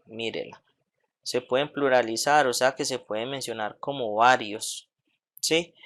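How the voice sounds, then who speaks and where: A man teaching English grammar in Spanish, who says each English example slowly and often checks with "¿sí?" and "¿cierto?". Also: fairly high pitch, fairly bright tone. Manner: checks understanding with frequent "¿sí?" and "¿cierto?". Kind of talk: slow classroom explanation of grammar.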